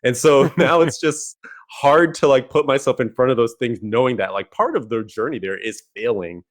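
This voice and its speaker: A man's voice: mid-range voice, normal speed. A man co-hosting a casual podcast, talking in a rambling way with a lot of filler words. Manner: rambling, heavy use of "like". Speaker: podcast co-host.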